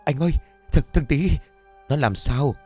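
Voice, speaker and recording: A man's voice: fairly high pitch, a little slow, dark tone, soft background music, voice pushed up. A man voicing a scared young mother in a horror story, with a raised, tense delivery. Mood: terrified. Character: frightened young mother, woman.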